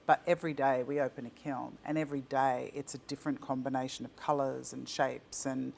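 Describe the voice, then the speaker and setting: A woman's voice: extremely low pitch, little pitch movement, fairly quick, vocal fry, darkish tone, a little hiss or hum. An Australian woman who founded a ceramics company, chatting enthusiastically in an interview with frequent restarts. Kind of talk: casual interview chat. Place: virtual talk, faint room ambience.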